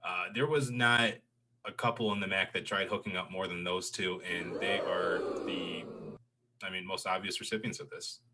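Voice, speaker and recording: A man's voice: low voice, fairly even intonation, moderate pace, pushed and bright, a little hiss or hum. A man co-hosting a casual college football podcast, chatty and full of filler phrases. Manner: chatty, leans on "you know" fillers. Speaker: co-host. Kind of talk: casual sports podcast chat.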